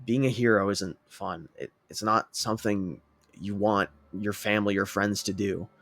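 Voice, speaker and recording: A man voicing a sincere young male hero who speaks in an earnest, steady way. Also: fairly low pitch, normal speed, dry recording.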